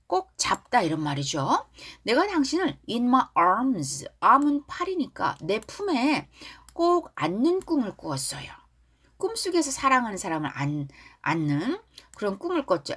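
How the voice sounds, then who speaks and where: A woman English teacher walks through song lyrics line by line. She stretches each phrase out slowly so it can be repeated. Her pitch swings up and down a lot as she explains. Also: a bit bright, husky. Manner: drawls lyric lines slowly for repetition, then explains quickly. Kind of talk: pronunciation lesson on song lyrics.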